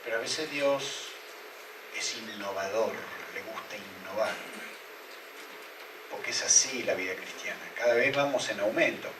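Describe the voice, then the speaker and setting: A man's voice: fairly low pitch, a little slow, pauses often, background noise. A male pastor preaching a sermon and asking his listeners many rhetorical questions. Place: church hall. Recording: roomy, echoey church hall, mic at a distance.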